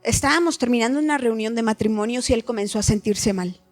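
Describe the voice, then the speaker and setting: Woman, middle-aged, heartfelt personal testimony, higher voice, faint music underneath. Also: fast. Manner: earnest, heartfelt storytelling. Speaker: church member giving testimony.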